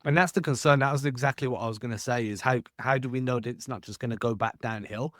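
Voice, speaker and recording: Podcast host with long winding questions. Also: male voice, medium pitch, fast, dry recording, clean studio sound. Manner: long winding questions, self-deprecating asides. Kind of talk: podcast sports analysis.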